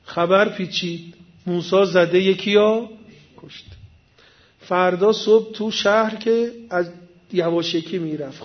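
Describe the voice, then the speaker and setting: A man preaching a Quran commentary, telling the story with animated voices and reciting Arabic verses slowly. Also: high voice. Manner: animated storytelling, acts out quoted pleas. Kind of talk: Quranic exegesis lecture. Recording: dull lo-fi recording.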